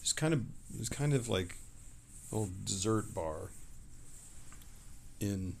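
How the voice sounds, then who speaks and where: A tired-sounding middle-aged man chats casually on a livestream, rambling and halting and letting sentences trail off. His voice is lowish and creaky, though still animated.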